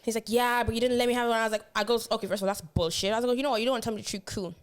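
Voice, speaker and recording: Fast-talking young woman storyteller. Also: a little high. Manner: animated, swearing, slangy storytelling. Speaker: podcast co-host. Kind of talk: casual storytelling chat.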